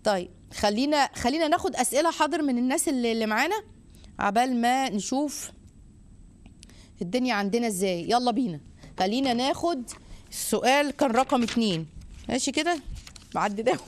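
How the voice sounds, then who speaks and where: An Egyptian woman hosting a live religious advice show. She exhorts and gently teases her callers in an animated way. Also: on the high side, fast talker, long pauses. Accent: Egyptian Arabic. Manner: animated, exhorting, warmly teasing. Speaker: host answering viewer questions.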